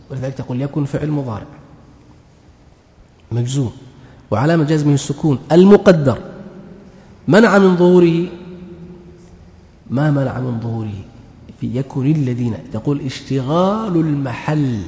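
A man's voice: mid-range voice, dark tone. A man teaching an Arabic grammar lesson, explaining step by step and quizzing his students with questions. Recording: echoey hall with long reverb.

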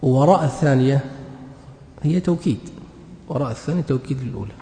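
A man's voice: medium pitch, fast, dark tone. A man teaching an Arabic grammar lesson, explaining step by step and quizzing his students with questions. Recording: echoey hall with long reverb.

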